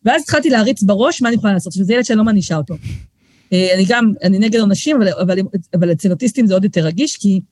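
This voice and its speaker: A middle-aged woman, a guest author telling lively stories in a casual podcast chat, acting out quoted voices and often restarting her sentences. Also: medium pitch, no room sound, clean studio sound.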